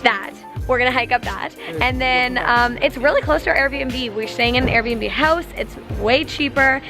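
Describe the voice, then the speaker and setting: A bubbly young woman in her twenties chats to camera as a travel vlogger, her voice sitting fairly high. She talks in quick, excited bursts, and music plays underneath. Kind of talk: casual vlog chat. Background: background music.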